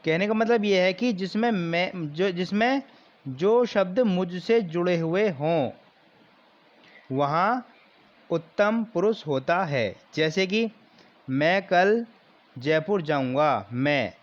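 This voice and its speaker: Slow-paced male grammar teacher. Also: high voice, animated, lo-fi sound. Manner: slow, explanatory, repeats terms. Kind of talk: exam-prep grammar lesson.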